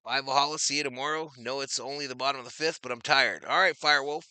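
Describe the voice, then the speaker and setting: Bright-voiced man calling a baseball stream. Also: medium pitch, fast, clear, resonant tone, no room sound. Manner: chatty, reads out viewer names, loud on big plays. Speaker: streamer doing play-by-play. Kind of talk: casual live-stream baseball commentary.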